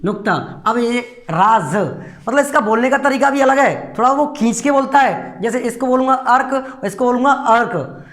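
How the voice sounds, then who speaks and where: A man with a fairly high voice teaches a classroom lecture, walking through each point step by step. He keeps asking his listeners questions before answering them himself. The sound carries a noticeable room echo. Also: quick pace, hardly any pauses, a bit bright. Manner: explains step by step with rhetorical questions.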